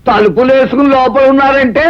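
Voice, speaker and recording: An old grandfather with a very high, sharp voice who questions and scolds. The sound is a dull old film soundtrack with music behind. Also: fairly even intonation, quick pace. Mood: stern questioning. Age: older.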